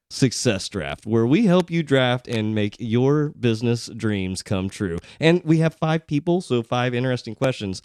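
Playful male podcast host, crisp dry voice. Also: medium pitch, no room sound. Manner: playful, teasing, quick to joke. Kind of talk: casual podcast interview. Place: home studio. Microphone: studio microphone.

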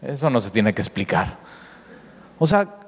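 A man's voice: on the low side, sing-song, moderate pace, husky. A man preaching a sermon as pastor, earnest, often rephrasing himself and circling back to a point. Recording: long reverb of a large hall.

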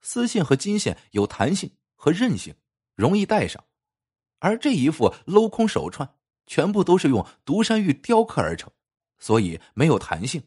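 A man voicing a calm, self-assured master craftsman in a folk tale, speaking low and measured. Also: slightly rough, exaggerated voice. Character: calm, masterful male jade carver.

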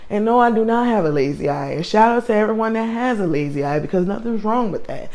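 A woman's voice: mid-range voice, expressive, fast talker, a little mellow. Chatty Southern country woman coaching. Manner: chatty and emphatic, often says "man" and "like". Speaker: life coach and podcast host. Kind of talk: casual motivational talk. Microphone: podcast or livestream mic.

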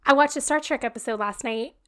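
Rambling, fairly high-voiced woman. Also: fast, smooth. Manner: rambling, searches for words with many ums; laughs often. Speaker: podcast co-host. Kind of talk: casual sibling chat.

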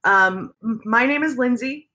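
Bright-voiced woman in her forties. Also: fairly high pitch, measured pace, rough recording. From United States. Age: 40s. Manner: laughs often, relaxed and chatty. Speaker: podcast host. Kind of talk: casual family chat.

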